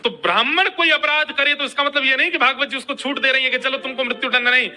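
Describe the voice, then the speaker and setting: Male devotional storyteller, dramatic sermon, crisp bright tone. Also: very high-pitched, fast talker, faint music behind. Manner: dramatic, chants verses.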